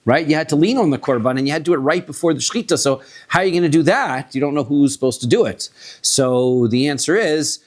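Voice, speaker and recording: A man's voice: on the high side, lively intonation, quick pace. Man explaining Talmud to a class. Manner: conversational, checking in with "right?" and "okay?"; joking, light-hearted. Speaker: rabbi teaching a Talmud class. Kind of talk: Talmud study lesson.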